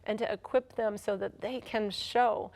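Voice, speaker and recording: An earnest woman speaks on a television talk show as a guest. She explains her ministry with conviction and laughs easily. Her pitch is an ordinary female middle. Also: steady tone, a little slow, creaky, a little mellow. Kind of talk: television interview.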